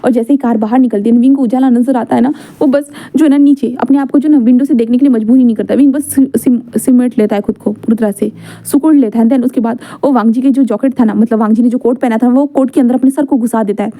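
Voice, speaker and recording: A woman's voice: a little high, steady tone, fast, warm tone. A woman narrating a romance fan fiction story in a casual, explanatory way. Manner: casual, explanatory, with many fillers.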